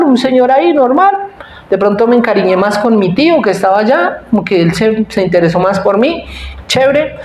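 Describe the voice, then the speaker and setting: A man preaching a conversational sermon, telling personal stories and often checking in with his congregation. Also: very high voice. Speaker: pastor. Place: church hall. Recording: echoey church hall, faint room noise.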